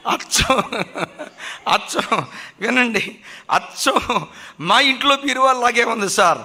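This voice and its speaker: A male pastor preaches with a high, bright, ringing voice. He tells his story by acting out its characters, rising to loud cries and dropping to low murmurs. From India. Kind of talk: sermon storytelling.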